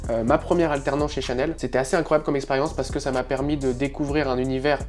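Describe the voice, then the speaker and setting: A young man talks at a brisk, rapid clip as a fitness coach hosting his podcast. His delivery is emphatic and casual, dotted with hesitations, at a mid pitch over faint background music. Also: steady tone, a little mellow. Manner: quick, emphatic, many filler "euh"s.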